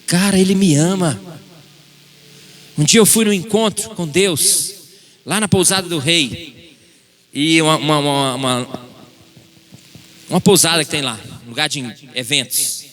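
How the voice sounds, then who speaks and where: A man preaching a sermon as a pastor, telling a personal story with passion and rising to shouts. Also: fairly high pitch, a little slow, long pauses.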